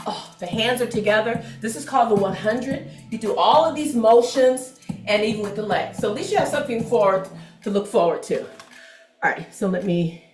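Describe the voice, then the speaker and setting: A woman's voice: a little high, animated, brisk. Lady teaching aerobics, chatty and encouraging, counts out moves, echoey room, mic far away w music on. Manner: encouraging, chatty, talks through each move while exercising. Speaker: aerobics instructor. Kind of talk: aerobics class instruction with counting and cues. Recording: roomy, distant mic, music behind.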